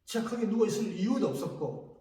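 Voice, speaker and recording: A middle-aged man preaches as a pastor, recounting a personal testimony with emotional, shifting intensity. His voice sits high and swings widely in pitch. The sound is heard from a distance, washed in heavy church-hall reverb. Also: animated, quick pace, dark tone. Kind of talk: sermon testimony.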